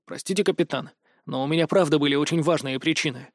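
A man reading an audiobook, voicing a stubborn teenage boy psionic who speaks softly and defensively. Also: a little high, quick pace, dry recording, clean studio sound, natural voice. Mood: subdued. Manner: soft, subdued, defensive.

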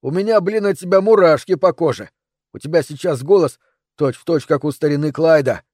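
A man voicing a jittery, dim-witted young male gang member who talks nervously and loudly. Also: a little high, brisk, no room sound, clean studio sound, pitched above the performer's own voice, close to an everyday voice. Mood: spooked. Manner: nervous, raised and loud.

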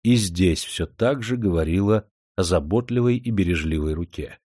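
A man with a low voice narrates an audiobook in an even, storytelling manner. The recording is dry and close, with no room sound. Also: moderate pace, no echo.

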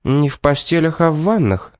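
A man voicing a pedantic, mournful woman housekeeper who speaks slowly and precisely. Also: medium pitch, a little mellow, clear, resonant tone, dry recording, studio quality, close to an everyday voice.

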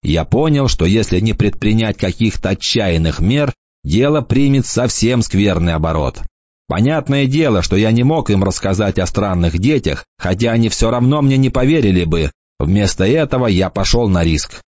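Man narrating an audiobook with lively pitch. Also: moderate pace, no echo. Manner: lively storytelling. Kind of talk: scripted narration. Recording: dull lo-fi dry recording.

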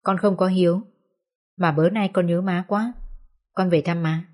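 A woman's voice: lowish voice, steady tone, moderate pace, a little mellow, lightly acted. A woman voicing a sorrowful young daughter who works as a servant, speaking earnestly through tears. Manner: earnest, tearful.

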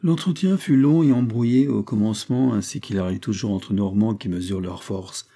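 A man reading a novel aloud in a measured, steady manner. His voice is low and dark with a mellow, relaxed tone. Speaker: narrator. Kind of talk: audiobook narration.

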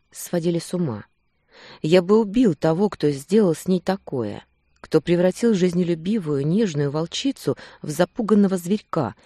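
Audiobook reader, first-person narration, intense emotional delivery, mellow tone, dry close sound. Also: medium pitch, no echo.

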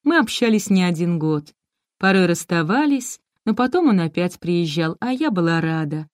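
An icy, condescending middle-aged woman speaks in a low, unhurried voice, read out by a female narrator. She sounds bored and dismissive, and the recording is dry and close. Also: very animated, no room sound. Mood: cold. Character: cold, haughty middle-aged woman, indifferent mother. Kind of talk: audiobook character reading.

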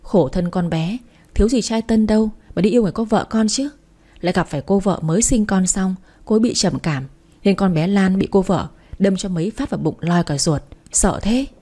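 A woman reading the part of a stern, scheming older mother-in-law who lectures and warns, in a dark, mellow voice. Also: mid-range voice, a little fast, lightly acted. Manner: lecturing, warning tone.

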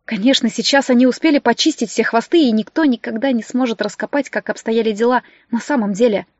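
A woman narrating a first-person audiobook in a wry, lively storytelling manner. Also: a little high, fast, no echo, lo-fi sound.

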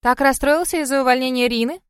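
Женщина озвучивает игривую семихвостую лисицу-духа из аудиокниги, которая дразнит и смеётся. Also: female voice, sits high, quick pace, clean tone, no room sound, studio quality, pitched above the performer's own voice, natural voice. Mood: teasing. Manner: teasing, laughing, mocking. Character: playful seven-tailed female fox spirit. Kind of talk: audiobook reading.

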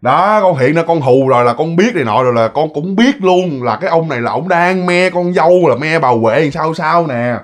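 A man's voice: on the high side, lively intonation, normal speed, few pauses, close to an everyday voice. A man voicing a wronged ghost who has possessed a woman, speaking in a matter-of-fact, pleading way. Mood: confessing.

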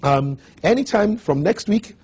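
A man delivers a coaching talk in a very husky voice with a dark, mellow tone. He is emphatic and drives his points home by repeating them. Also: high voice, lively intonation, unhurried. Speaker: motivational speaker.

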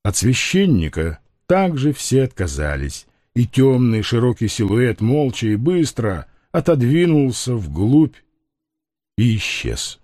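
A man narrating an audiobook in a measured, grave reading. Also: medium pitch, sing-song, mellow, no room sound, studio quality.

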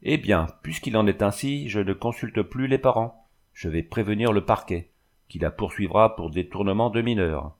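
A man's voice: lowish voice, moderate pace, natural voice. A man voicing a pompous, self-important village mayor in a storybook reading. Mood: officious. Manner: officious, pompous.

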